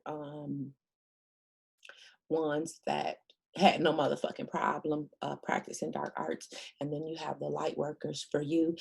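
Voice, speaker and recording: A woman's voice: sits low, gravelly, husky, rough recording. A woman giving a casual spiritual reading to camera, blunt and profane, with many fillers. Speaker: spiritual reader.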